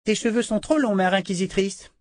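A man's voice: high voice, moderate pace, a little mellow, no room sound, clean studio sound, voice pushed up, lightly acted. A man voicing a spoiled, rude little princess in an audiobook, speaking insolently.

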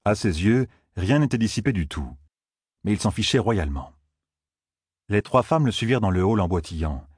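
Deep husky male narrator. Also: animated, normal speed, a little mellow, dry recording, clean studio sound. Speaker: audiobook narrator. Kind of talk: scripted narration.

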